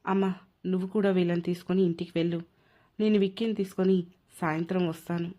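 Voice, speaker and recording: A woman's voice: lowish voice, flat delivery, fast, warm tone, close to an everyday voice. A woman voicing a wronged young wife who is hurt, indignant and proud. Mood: quiet, resigned. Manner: tearful, indignant. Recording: dull lo-fi recording.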